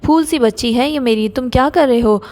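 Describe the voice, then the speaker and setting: A woman's voice: a little high, a little mellow, lightly acted. A woman reading the part of an elderly mother-in-law who complains melodramatically, sighing and groaning as she talks. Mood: complaining.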